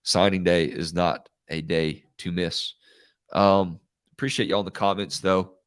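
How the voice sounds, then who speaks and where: Male sports host, low baritone, congested and nose-pinched, conversational delivery, dry recording. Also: steady tone, a little slow, smooth, no room sound. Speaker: host of a live college football recruiting show. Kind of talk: live sports talk and commentary.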